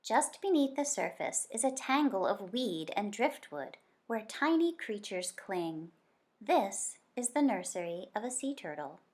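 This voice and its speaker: Reading aloud from a nonfiction picture book for children, this woman sounds like a teacher at storytime. Her medium-pitched voice is expressive and her pace deliberate.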